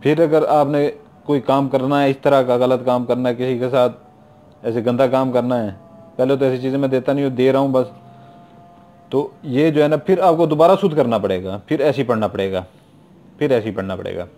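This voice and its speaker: A middle-aged man with a Pakistani Urdu accent, talking through instructions in a loose, repetitive way. His voice is mellow and dark in tone, at an ordinary pitch for a man. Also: fairly even intonation, fairly quick. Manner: repetitive, informal, keeps adding "theek hai na". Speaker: YouTube occult practitioner. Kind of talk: casual spoken instruction.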